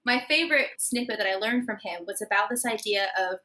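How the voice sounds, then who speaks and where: A woman co-hosting a podcast, chatting in an animated, giggly way and explaining things eagerly. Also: medium pitch, fairly quick. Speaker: podcast co-host. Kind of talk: casual podcast chat.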